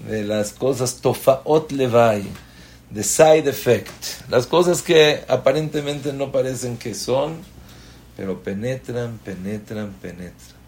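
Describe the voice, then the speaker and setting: A man's voice: mid-range voice, slow, darkish tone, slight background noise. A man, a rabbi giving a Torah class as a sermon, impassioned and asking strings of rhetorical questions.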